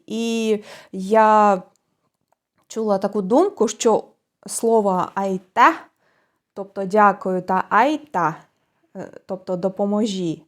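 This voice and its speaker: A woman with a Ukrainian accent hosts her own casual language lesson, speaking at an ordinary mid pitch. She explains things thoughtfully and stops now and then with fillers while she finds the next word. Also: darkish tone. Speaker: channel host explaining Estonian stress.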